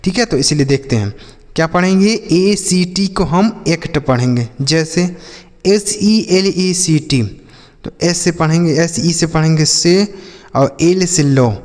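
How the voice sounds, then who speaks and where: A man gives a lesson on reading English words. His voice sits a little high, and a long hall echo trails after each word. He spells each word out letter by letter, asks what it says, then repeats the answer. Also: a little slow, a little mellow. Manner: calls viewers children and brother. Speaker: English teacher.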